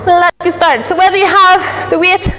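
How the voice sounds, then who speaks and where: Echoey, very high-pitched fitness instructor woman. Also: steady tone, moderate pace, bright, forceful tone. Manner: encouraging, out of breath from exercising. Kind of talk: live workout coaching. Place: large indoor studio with wooden floor. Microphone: distant camera. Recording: echoey hall from far off, noisy.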